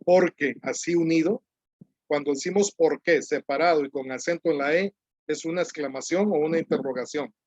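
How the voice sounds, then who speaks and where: A man preaching a sermon, explaining a psalm step by step, repeating key phrases and reading scripture slowly. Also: on the high side, a little mellow, no echo.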